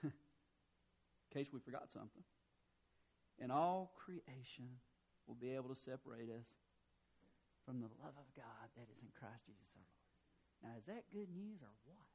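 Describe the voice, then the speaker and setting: Passionate man preaching with high voice. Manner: swings from quiet reading to loud shouting; emphatic, repeats words when excited. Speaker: pastor. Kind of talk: sermon.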